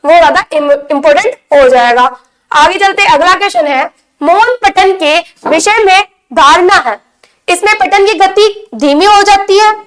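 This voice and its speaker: A woman's voice: very high voice, fairly bright tone. A woman teaching an online exam-prep lesson, asking her class questions and then answering them, often repeating the key point.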